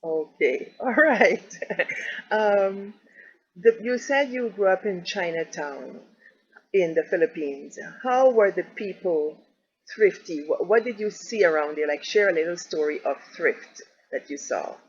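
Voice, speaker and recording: Lively-pitched interviewer on dull lo-fi audio. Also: a little slow. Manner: encouraging, with short backchannel replies. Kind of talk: casual interview.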